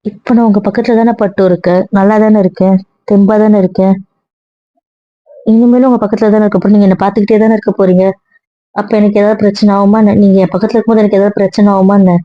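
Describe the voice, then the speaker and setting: A woman acting as a young wife who gently soothes and coaxes her anxious husband, in an amateur serial drama. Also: mid-range voice, fairly even intonation, quick pace, no echo, natural voice. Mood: soothing. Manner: soothing, coaxing. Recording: dull, dry lo-fi recording.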